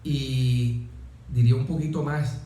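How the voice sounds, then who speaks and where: A middle-aged Venezuelan military officer, appearing as an interview guest, tells personal stories emphatically and often repeats phrases. His mid-range voice is steady, measured and mellow, with a little hiss or hum. The room is very echoey.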